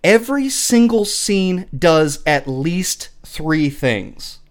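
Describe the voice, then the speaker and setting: A man's voice: a little high, expressive, takes it slowly. A man talking casually and enthusiastically about a film script, often stumbling and repeating words as he explains. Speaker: podcast co-host.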